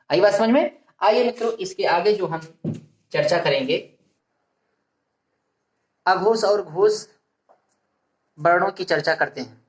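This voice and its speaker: A woman teaching a lecture, talking slowly and deliberately and repeating phrases as she writes. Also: low voice, darkish tone. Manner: slow and deliberate, repeating phrases while writing. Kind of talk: classroom lecture. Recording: echoey room.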